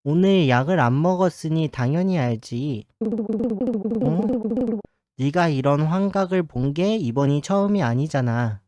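A man's voice: a little high, lively intonation, unhurried, darkish tone, no echo, soft background music. Man reading as a dismissive tired mother.

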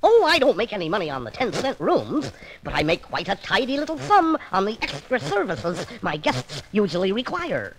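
Daffy Duck, sly boastful cartoon duck. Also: male voice, high voice, huge pitch swings, gravelly, background noise, heavily acted. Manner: sly, fast-talking, pleased with himself. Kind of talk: children's story record acting. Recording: music playing behind.

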